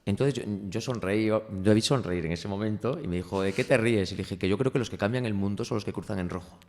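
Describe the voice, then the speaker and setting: A man's voice: fast talker, in a large hall. A man hosting a casual interview, reflecting aloud and sharing his own anecdotes. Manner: reflective, lively pitch, shares anecdotes. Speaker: podcast host.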